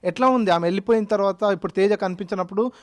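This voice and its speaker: A woman news reporter asking brisk, probing questions in a field interview. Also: medium pitch, no echo.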